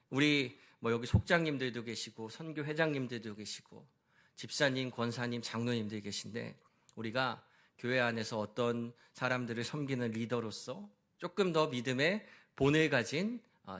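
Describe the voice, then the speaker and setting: A male pastor giving a sermon, animated, moving between hushed and raised voice and addressing the congregation directly. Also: medium pitch.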